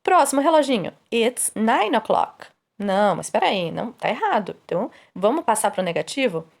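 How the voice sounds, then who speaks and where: Lively woman teaching grammar. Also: fairly high pitch, creaky. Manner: reads English examples slowly, explains quickly; asks and answers her own questions. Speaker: English teacher. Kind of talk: explaining grammar to students.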